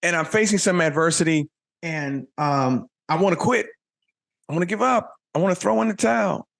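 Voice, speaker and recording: A man's voice: high-pitched, normal speed, creaky, fairly bright tone. A man hosting a casual interview, asking encouraging questions with frequent restarts. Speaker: podcast host.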